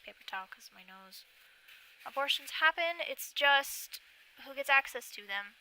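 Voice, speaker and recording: Bright, slow-talking young woman streamer. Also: high-pitched, animated, slight background noise, poor audio. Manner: chatty, thinks aloud, reads a list of names and checks her pronunciation. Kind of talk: casual live-stream commentary. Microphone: desk microphone.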